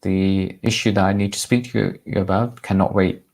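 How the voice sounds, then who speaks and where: A preacher voicing the angel of death in human form, calm and insistent, in his own voice. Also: low-pitched, moderate pace, gravelly. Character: angel of death disguised as a plain man.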